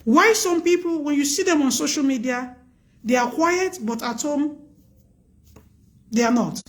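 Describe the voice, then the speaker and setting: A woman talks loudly on a live stream in a high voice, giving emphatic, earnest advice and saying things more than once to make them stick. She's casual but preachy, and a little slow.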